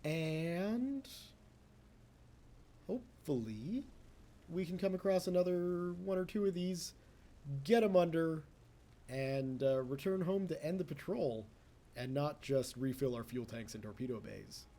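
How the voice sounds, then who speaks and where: With a warm, high-leaning voice and lively intonation, the young host takes his time and pauses often. He's a native English speaker narrating a let's play in a meandering way, teasing himself and addressing the game.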